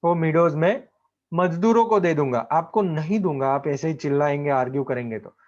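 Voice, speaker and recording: A man's voice: on the high side, moderate pace, darkish tone, dull audio, natural voice. A man voicing a stubborn, condescending older male landowner from a play. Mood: patronising. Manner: condescending, calling the other "darling".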